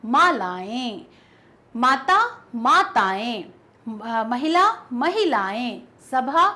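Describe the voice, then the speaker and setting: A young woman teacher explaining grammar to school students, reading word pairs aloud with clear stress. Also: high voice, a bit bright.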